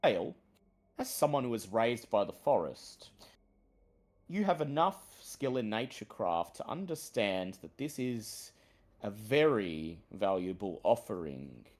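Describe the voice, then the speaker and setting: Slow-paced male game master. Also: lowish voice, very animated, a little mellow. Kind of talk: narrating a tabletop fantasy game.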